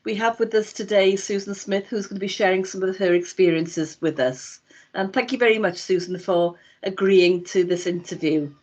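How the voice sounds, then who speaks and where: A woman's voice: mid-range voice, normal speed, a little mellow. A woman interviewer politely introducing and putting questions to a guest. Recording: slightly dull, lo-fi audio.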